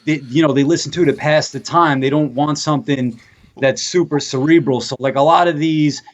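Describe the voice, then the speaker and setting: A man in his thirties talks at a steady, measured pace, with plenty of "you know" and "like". His voice comes through a dull, lo-fi remote connection. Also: fairly high pitch. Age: 30s. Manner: measured, filler-heavy. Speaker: guest rapper. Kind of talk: casual chat.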